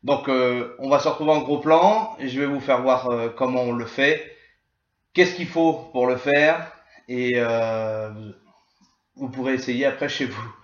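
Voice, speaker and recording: A man giving a casual hands-on tutorial as a gear reviewer, talking slowly and hesitantly with many filler sounds. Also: mid-range voice, fairly even intonation. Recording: echoey room, dull lo-fi sound.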